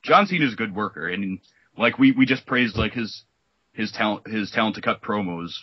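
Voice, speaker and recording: Low, husky man rambling casually. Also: lively intonation, moderate pace, no room sound, highs cut off. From New York. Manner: rambling, full of "like" and restarts. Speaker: podcast co-host. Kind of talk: casual chat recapping wrestling.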